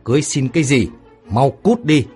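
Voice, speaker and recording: A man voicing a hot-tempered older woman, a rich silk merchant's wife who yells and scolds. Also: expressive, a little fast, soft background music, close to an everyday voice. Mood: furious. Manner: shrill, yelling and scolding.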